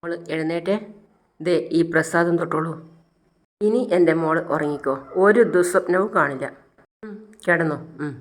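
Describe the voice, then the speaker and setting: Narrator putting on a soft loving mother, gentle and soothing, in a retold tv drama. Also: mid-range voice, normal speed, long pauses, close to an everyday voice. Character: tender mother soothing her child.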